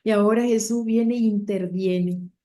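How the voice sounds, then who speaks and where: A woman's voice: mid-range voice, fairly even intonation, a little slow, warm tone. A woman preacher retelling a Bible story with heartfelt emotion, speaking directly to her listeners.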